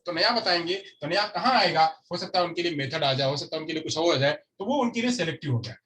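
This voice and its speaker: A man's voice: fairly high pitch, animated, quick pace, fairly bright tone, slight background noise. A man teaching a lecture class who keeps repeating key terms and asks and answers his own questions. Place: classroom with a board.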